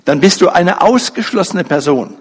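In a reverberant church hall, a man preaches a sermon, telling a story dramatically and briefly acting out its characters. His voice is expressive and slightly rough, and he delivers slowly, with pauses and wide swings in pitch.

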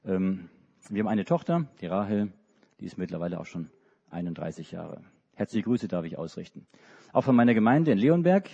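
A low, gravelly male voice with warmth and a breathy edge, speaking a little fast with big pitch swings. It belongs to a middle-aged preacher from Hamburg, Germany, telling a children's story in church with many restarts and hesitations. The sound is dull and echoes through a reverberant hall.

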